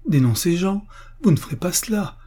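Guy doing a young woman, raised pitch, begging and insistent, audiobook. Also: lively intonation, moderate pace, mellow, husky. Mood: defiant. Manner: impassioned, pleading. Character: young woman, desperate and pleading in love.

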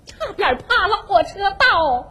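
A woman's voice: very high voice, sing-song, bright, forceful tone, heavily acted. A woman with a Northeastern Chinese accent playing a timid, fatalistic old rural widow in a stage comedy sketch, speaking coyly and hesitantly. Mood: gossipy. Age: older. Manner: coy, hesitant, drawn-out lines.

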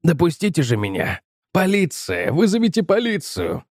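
A frantic middle-aged shopkeeper pleads and shouts for help, read by a man in an audiobook. The voice sits a little high and sounds dry and close. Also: wildly swooping pitch, moderate pace, dry recording, full character voice.

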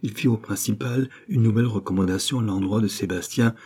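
Husky low-voiced male audiobook narrator. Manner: measured, even storytelling. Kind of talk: scripted literary narration.

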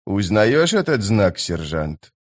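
A man voicing a cold, hard assassin who speaks low, quiet and clipped. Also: animated, moderate pace, close to an everyday voice.

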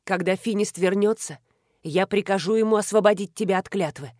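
A woman voicing a fierce, tormented young male warrior who growls his words out forcefully, in a fantasy audiobook. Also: medium pitch, a little fast, no room sound, clean studio sound, natural voice. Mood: grim.

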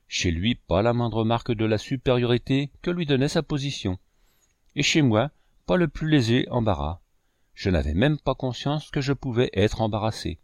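Male audiobook narrator, measured and expressive, animated pitch, very dry close sound. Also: dry recording. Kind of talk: scripted narration.

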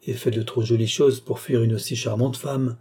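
A man's voice: medium pitch, little pitch movement, moderate pace, warm tone, slightly rough, close to an everyday voice. A man voicing a playful young prince who banters like a schoolboy on holiday. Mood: merry, teasing. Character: playful young male prince, merry and teasing.

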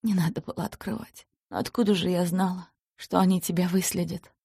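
A frightened, meek young woman speaks timidly as the narrator voices her. Her voice is low and husky, recorded dry and close like an audiobook. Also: fairly even intonation, brisk, dry recording. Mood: quiet apologetic. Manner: timid, then quiet apologetic.

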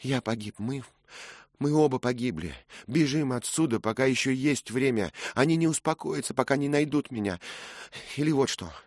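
A man's voice: sits low, level tone, unhurried, vocal fry, a bit bright, husky, dry recording, clean studio sound, full character voice. A man voicing a frightened young woman disguised as a boy, pleading in a breathless rush, in a read-aloud story. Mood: desperate.

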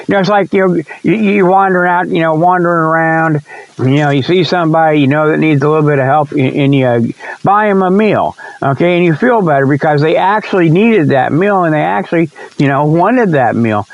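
Meandering and repetitive, this man hosts a radio-style talk show, spinning a folksy monologue of joking sales pitches and laughing quietly at his own lines. He has a higher-pitched voice on a lo-fi recording.

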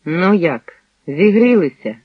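Man reading as a joking young driver, calm, husky, lively pitch. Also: slow, dry recording, narrow, tinny audio, exaggerated voice. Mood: easygoing.

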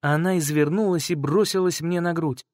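A man narrating a first-person story in a measured, dramatic reading. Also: fairly high pitch, steady tone, darkish tone, no echo, clean studio sound. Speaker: audiobook narrator.

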